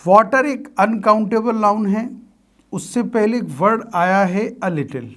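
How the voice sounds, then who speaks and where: A man teaching a grammar lesson for exam students, speaking deliberately and quizzing his listeners by repeating key terms as questions. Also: high-pitched.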